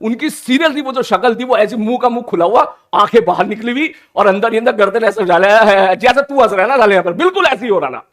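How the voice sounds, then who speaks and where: A man's voice: high voice, animated, quick pace, hardly any pauses, fairly bright tone. Guy, playful and teasing, telling a trip story to his class. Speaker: teacher. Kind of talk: casual storytelling.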